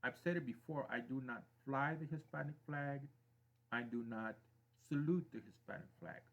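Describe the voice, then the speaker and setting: A middle-aged man from Mexico hosts a live stream, delivering his opinions in a slow, emphatic monologue. He leans on repeated phrases to drive each point home, with a voice of ordinary pitch for a man. The stream audio is dull and lo-fi. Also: a bit bright.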